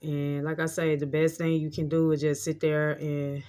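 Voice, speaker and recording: A woman's voice: deep voice, flat delivery, normal speed, a little mellow. A woman in her late thirties telling a rambling, heartfelt story in a casual monologue, often repeating herself. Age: 30s. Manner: heartfelt, reflective. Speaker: vlogger.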